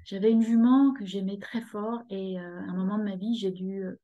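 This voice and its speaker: Through a laptop webcam, which gives a muffled recording, a woman in her fifties speaks from her living room as a guest on a video call. She belongs to a horse rescue association, and her mellow, medium-pitched voice moves at normal speed with fairly even intonation. She is talkative but hesitant, pausing often and leaning on fillers.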